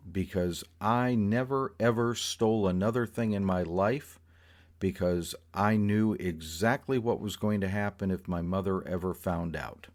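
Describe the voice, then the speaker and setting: Deep-voiced older man telling a story. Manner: unhurried, conversational storytelling. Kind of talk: personal storytelling podcast.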